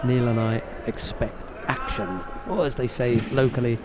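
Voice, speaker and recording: A man doing live play-by-play sport commentary in a measured way, with dry jokes to his co-host. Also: medium pitch, animated, noisy background.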